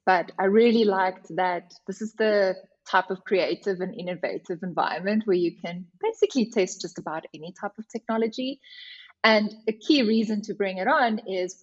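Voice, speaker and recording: South African woman, slightly muffled recording. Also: mid-range voice. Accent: South African (Afrikaans). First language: Afrikaans. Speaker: company representative, interview guest. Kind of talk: conversational podcast interview answers.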